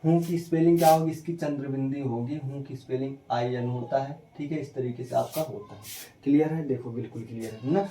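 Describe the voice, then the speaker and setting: A man teaching a spelling lesson, repeating himself and firing quick questions at his viewers. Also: medium pitch, mellow, slight background noise. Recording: echoey room, voice from a distance.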